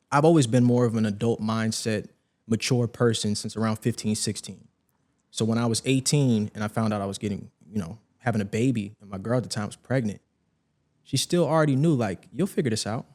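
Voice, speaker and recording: A young man, a podcast guest, telling a personal story in casual conversation and acting out the voices of people in it. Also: fairly low pitch. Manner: animated, acts out quoted voices.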